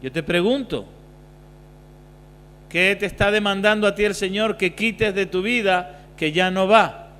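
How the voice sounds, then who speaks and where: A male pastor preaching a sermon, moving between quiet passages and loud, emphatic bursts. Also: sits high, unhurried, long pauses. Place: church hall. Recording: reverberant church hall, faint hum.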